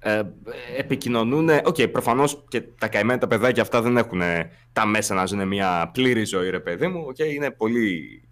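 A young man chatting casually as a co-host, telling animated stories with playful sound effects. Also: on the low side, hardly any pauses. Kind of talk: casual chat.

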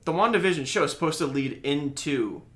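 A man co-hosting a podcast, giving his views in relaxed casual chat. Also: on the high side, brisk. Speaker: podcast co-host.

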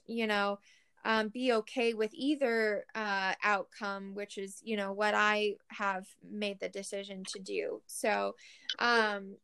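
A woman's voice: medium pitch, creaky, fairly bright tone, clean tone. A woman hosting a podcast interview, talking earnestly with many fillers and restarts. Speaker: podcast host. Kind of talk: conversational interview.

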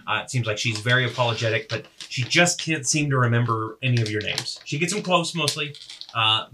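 A man's voice: mid-range voice, fairly quick, noisy background. A young man narrating as game master, describing scenes in a rambling way with fillers and self-corrections.

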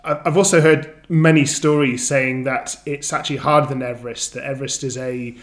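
A man's voice: medium pitch, steady tone, fairly quick. A man hosting an interview podcast, eager and enthusiastic, often repeating words and using fillers. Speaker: podcast host.

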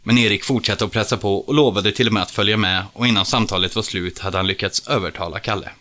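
A man reading a story aloud as narrator. His voice sits low but sounds bright and forceful. He tells it steadily and plainly.

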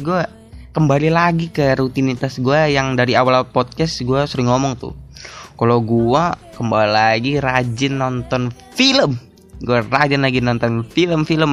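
A man's voice: mid-range voice, fairly bright tone. A young man with hosting a casual solo podcast, rambling, restarting sentences and laughing often. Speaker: podcast host.

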